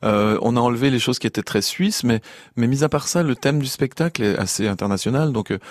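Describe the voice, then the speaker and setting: Brief: Swiss French man, middle-aged, rapid and rambling, mid-pitched, dry studio sound. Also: dry recording. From Switzerland. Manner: rambling, with many restarts. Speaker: comedian guest. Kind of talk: casual interview chat. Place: radio studio.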